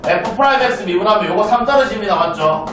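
With music playing in the background, this high, animated male voice belongs to a math teacher from South Korea. He talks briskly and chattily to his class, frequently checking whether they follow, in a roomy classroom picked up by a far-off mic.

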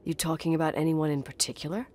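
A woman's voice: sits low, flat delivery, fast, darkish tone, a little hiss or hum, natural voice. An actress playing a blunt, defensive young woman who swears and answers curtly, in video game dialogue. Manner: curt and swearing.

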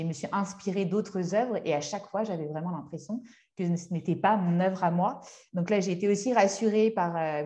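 A woman in her thirties, a hypnotherapist, giving a motivational workshop talk in a conversational, halting way as she searches for words. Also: on the low side, mellow, muffled recording. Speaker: speaker and hypnotherapist.

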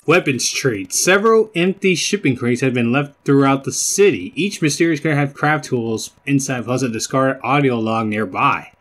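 A man's voice: mid-range voice, lively intonation, normal speed, hardly any pauses, a bit bright. A young man giving casual, rambling gameplay commentary, often repeating his phrases. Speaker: gamer, video host. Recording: game music under the voice.

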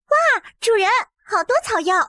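A tiny sprite helper with a very high, childlike voice. The creature is excitable, cheery and eager to please, in a cartoon-like drama style. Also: female voice, moderate pace, full character voice. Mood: excited.

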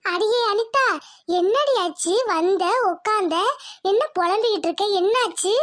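A woman's voice: very high-pitched, measured pace, a bit bright, no echo, clean studio sound, pitched above the performer's own voice. A woman voicing a kindly older village neighbor woman who soothes and gives advice. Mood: soothing. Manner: soothing, advising.

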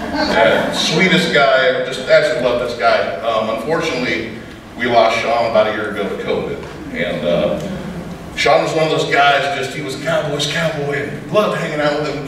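A man's voice: mid-range voice, fairly bright tone. Echoey American man, folksy stage storyteller. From Wyoming, USA. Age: middle-aged. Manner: folksy, self-deprecating, projecting to a room. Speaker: cowboy poet performing at a church talent show. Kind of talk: live cowboy poetry recital with folksy storytelling. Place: large church auditorium stage, indoors. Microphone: distant audience camera. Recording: echoey hall from far off, noisy.

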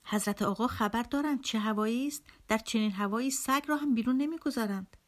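A woman's voice: a little high, pitched above the performer's own voice, lightly acted. A woman reading an audiobook, voicing a sarcastic male devil who taunts his host. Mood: mocking. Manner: teasing, sarcastic. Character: mocking male devil visitor, sly and taunting.

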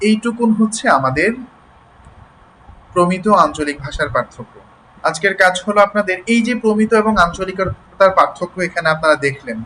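A man's voice: high voice, bright, forceful tone, slight background noise, poor audio. A man teaching an online class. He explains patiently, spells words out sound by sound, and keeps checking that his students follow. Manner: explains slowly, checks in with "ঠিক আছে?".

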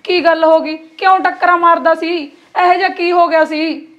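A woman's voice: very high voice, steady tone, moderate pace, dull audio, noisy background. An actress playing a concerned village woman who questions a crying man, with a Malwai Punjabi accent. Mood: probing. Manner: probing, repeated questions. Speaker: female relative. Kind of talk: web series acting.

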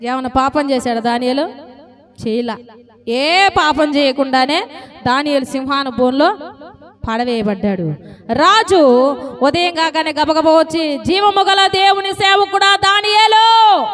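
A woman preaching a sermon to a congregation, lively and constantly asking them questions and calling for answers. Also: high voice. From South India.

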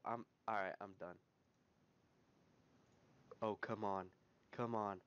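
A young man giving live gameplay commentary, swinging from low muttering to loud yelling, swearing and repeating words in bursts. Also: steady tone, takes it slowly, clear, resonant tone, lo-fi sound. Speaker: gaming YouTuber.

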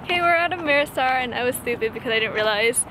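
A woman's voice: on the high side, animated, very fast, background noise. A young woman vlogging casually to a handheld camera, chatty and giggly. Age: young adult. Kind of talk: casual vlog chat. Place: parking lots, car and arcade. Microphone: handheld camera at arm's length.

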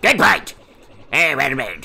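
A man's voice: fairly high pitch, very animated, slow, vocal fry, pushed and bright, husky, soft background music, exaggerated voice. A man voicing an elderly, absent-minded male Goomba professor while reading game dialogue on stream. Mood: scholarly. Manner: flustered, fumbling old-man voice.

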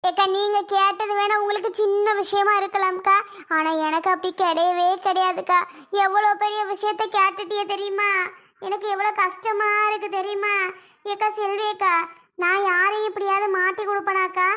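A woman plays a melodramatic sister-in-law from a village skit, who wails and pleads with fake tears. The voice sits very high and sounds bright and sharp, and every protest comes out whiny. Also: little pitch movement, normal speed. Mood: tearful. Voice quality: whiny, pleading, tearful wail.

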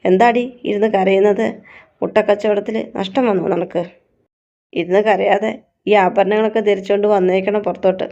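A woman's voice: medium pitch, fairly even intonation, brisk, dark tone, muffled recording, natural voice. A woman reading the lines of a harsh, bossy mother who scolds her daughter. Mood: scolding.

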